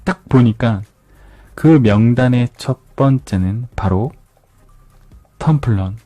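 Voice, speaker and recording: A man calmly retelling a crime novel for an ASMR book review, often repeating phrases for effect. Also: medium pitch, slow, no room sound. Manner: calm storytelling with repeated phrases. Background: soft background music.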